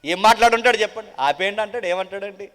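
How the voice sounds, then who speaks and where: A man preaching a dramatic gospel sermon with a Telugu-speaking South Indian accent, swinging between loud proclaiming and hushed, mournful tones and asking the crowd repeated rhetorical questions. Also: fairly high pitch, lively intonation, moderate pace. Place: large gospel meeting hall. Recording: long hall reverb.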